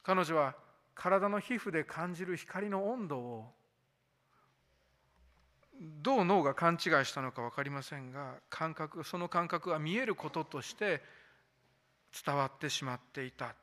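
A man with a fairly high, forceful voice preaches a sermon, pressing his points home by repeating them and asking his listeners pointed questions. His words ring out with a long hall reverb behind them. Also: a little slow, pauses often. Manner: emphatic, repeats key points; asks the congregation rhetorical questions. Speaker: pastor.

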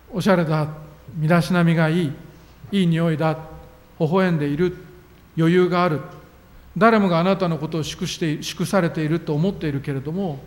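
A man preaching a sermon as a pastor, earnest and emphatic, with sudden rises in his voice. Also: on the high side. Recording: long reverb of a hall.

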